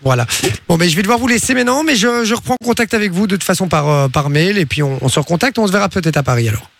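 Man, radio host, high gravelly voice, fast and playful, dry studio sound. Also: animated, fairly bright tone, no room sound. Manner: quick, playful, teasing. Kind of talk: prank call and studio banter.

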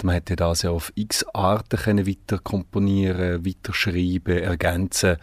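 A man's voice: sits low, dry recording. A man with a Swiss German accent hosting a radio interview and asking long, searching questions. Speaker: radio host.

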